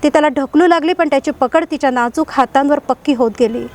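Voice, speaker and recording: A woman with a high voice reads a dramatic story aloud. Her reading is measured and expressive, and she leans into the tense moments without rushing.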